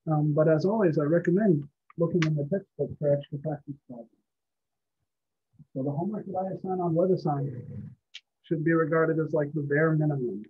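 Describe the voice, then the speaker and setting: A man teaching a college math class live online from home, relaxed and encouraging, with many fillers. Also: a little high, brisk, husky. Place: home, on a video call. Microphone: computer mic on a video call. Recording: dull lo-fi video call audio.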